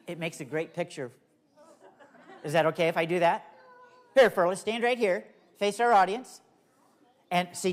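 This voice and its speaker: A man performing as a comedy magician for children, with playful, coaxing showman's patter in simple phrases to young volunteers and the audience. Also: sits high. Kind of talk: live stage show patter for kids, talking to volunteers and audience.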